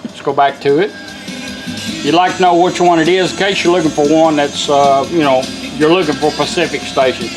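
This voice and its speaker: Here a car radio builder shows off a product step by step, keeping it plain-spoken and informal. His fairly quick voice is on the high side with fairly even intonation. Music plays underneath.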